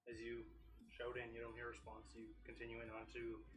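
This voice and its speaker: A man's voice: mid-range voice, monotone, a little fast, a bit bright, slight background noise. A man narrating as game master in a casual, hesitant way with many fillers. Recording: echoey room, voice from far off.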